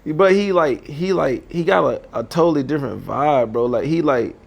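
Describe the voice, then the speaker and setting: A man's voice: on the high side, moderate pace, creaky. A young man hosting a podcast in casual chat, slurring his words and using slang and profanity. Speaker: podcast host.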